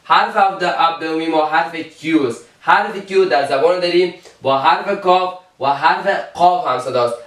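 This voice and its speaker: Man, Afghan Dari accent, fairly high voice, teaching letter sounds, repeats words, roomy distant recording. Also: a bit bright. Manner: slow, repeats each example word. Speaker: English teacher. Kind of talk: alphabet pronunciation lesson.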